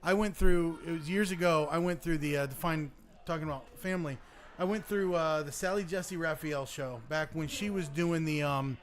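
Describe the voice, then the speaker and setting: Man, high voice, chatty co-host, casual green room storytelling. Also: moderate pace. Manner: chatty, eager backchannelling. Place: comedy club green room.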